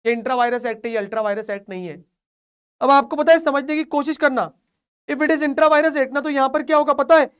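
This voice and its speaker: A young man teaching an online lecture, excited and playfully scolding his students, mixing Hindi and English. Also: very high-pitched, a little fast.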